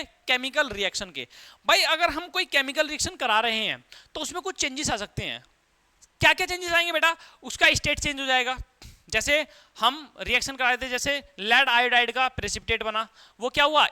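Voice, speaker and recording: A man's voice: very high voice, bright, forceful tone, clear, resonant tone. A man teaching a chemistry lesson, who keeps asking his students questions, answers them himself, and addresses them as "beta". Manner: calls the listener "beta" as a teacher does. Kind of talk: classroom lesson explaining lab activities.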